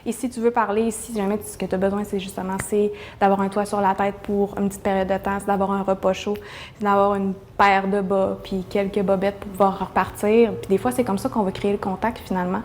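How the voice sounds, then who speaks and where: A woman's voice: mid-range voice, flat delivery, fairly quick, darkish tone. A woman with a Québécois accent who works at a shelter, answering interview questions in an earnest way. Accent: Québécois French. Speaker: shelter worker.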